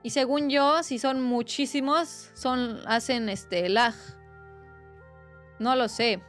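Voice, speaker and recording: A woman's voice: a little high, slow pace, faint music behind. A young woman, streaming a game and chatting casually, reading viewers' messages aloud in a playful, teasing way. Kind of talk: casual livestream chat while gaming.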